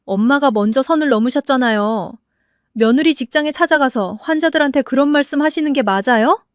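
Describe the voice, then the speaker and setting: Woman lowering her voice for an earnest young husband. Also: a little fast, no room sound, studio quality, natural voice. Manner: earnest, pleading but firm.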